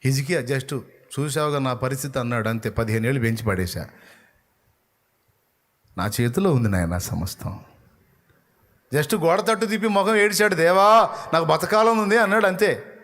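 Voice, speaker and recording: Pastor, man, fiery sermon delivery, big swings between loud and hushed. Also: normal speed, long pauses. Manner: passionate, swings from shouting to low intensity; speaks in God's voice, rhetorical questions to listener.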